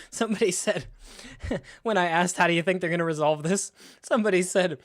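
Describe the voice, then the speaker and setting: A man's voice: high voice, normal speed, a bit bright, no room sound, clean studio sound. A young man streaming a live film reaction and ranting about it with sarcastic, profane disbelief. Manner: sarcastic, profane, incredulous rants.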